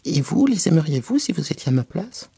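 A man's voice: on the low side, fairly quick, slightly rough, no room sound. A man voicing a small, touchy mouse that speaks in a piercing, indignant and trembling way.

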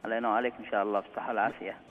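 A man's voice: fairly low pitch, flat delivery, very fast, faint music behind. A man from southern Yemen, chatting casually as a quiz caller over a tinny phone line. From Aden, Yemen. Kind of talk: casual chat on a live call.

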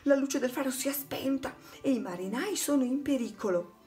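An eager young boy from a children's storybook , as read by a woman, his voice lifted a little higher than hers. He talks with urgency, pleading for help. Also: moderate pace, darkish tone, faint music behind, close to an everyday voice. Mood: urgent. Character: eager young boy who befriends a dragon.

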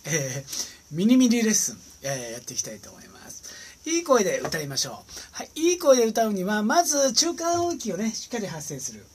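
A man's voice: high voice, sing-song, brisk. A man giving a casual singing lesson. He chats and demonstrates sustained sung vowels and humming, recorded on a smartphone. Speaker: vocal coach.

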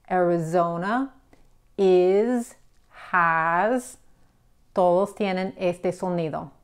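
A woman teaching English pronunciation, explaining slowly and checking in with the listener as she gives examples. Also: fairly low pitch, clear, resonant tone. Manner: patient, repeats examples, checks with "ok?". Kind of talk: slow explanatory lesson.

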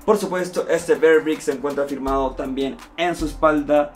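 Young chilean guy hyped about his streetwear haul, slangy, kinda high voice, faint music under it. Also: fairly even intonation, normal speed. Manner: upbeat, enthusiastic, full of slang. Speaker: streetwear vlogger. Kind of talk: casual unboxing vlog.

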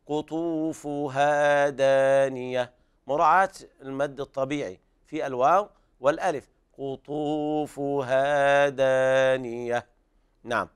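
A man teaching Quranic recitation rules on television, stretching each recited phrase out slowly, then explaining it in a careful, didactic way. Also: medium pitch. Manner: slow drawn-out recitation between brisk explanations. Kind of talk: tajweed lesson, recited verses with explanations. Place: television studio.

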